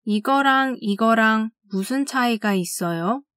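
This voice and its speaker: A woman teaching language, reading classroom phrases slowly and carefully and saying each one twice. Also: fairly high pitch, a bit bright, dry recording, studio quality. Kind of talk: scripted phrase drill.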